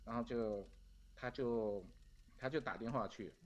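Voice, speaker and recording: A man's voice: mid-range voice, moderate pace, lo-fi sound. Middle-aged man. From Taiwan. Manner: earnest, repeats phrases while recounting events. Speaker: guest. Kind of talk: casual storytelling.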